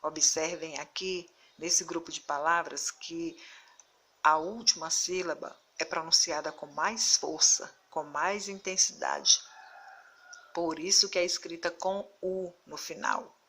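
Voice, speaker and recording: A woman teacher giving a recorded video lesson, reading word lists slowly and deliberately and stressing syllables. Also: low voice, lively intonation, sharp tone, breathy edge.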